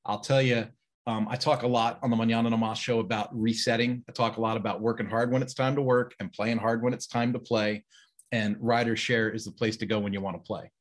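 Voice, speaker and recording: Male podcast host, casual interview chat, easygoing talk, middle pitch. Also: fairly even intonation, brisk. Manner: chatty, laughing, plugs the guest.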